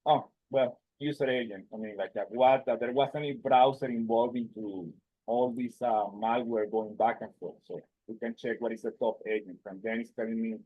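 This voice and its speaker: A man giving a live tech demo on a video call, his voice muffled as if through a wall, halting and restarting his words. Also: fairly low pitch, breathy edge, dry recording. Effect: muffled, as if heard through a wall. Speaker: presenter.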